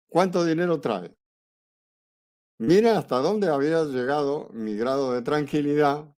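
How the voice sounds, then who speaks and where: A man teaching a class, telling a personal story in a conversational way and acting out the dialogue. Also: on the high side. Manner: lively anecdote, acts out quoted dialogue; conversational, with fillers and restarts. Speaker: astrology teacher.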